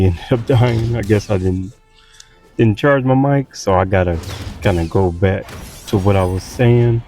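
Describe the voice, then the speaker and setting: A man's voice: fairly low pitch, dark tone. A man from Texas with a Southern accent, tired from little sleep, rambling casually with lots of fillers and restarts while playing a game. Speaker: gaming streamer.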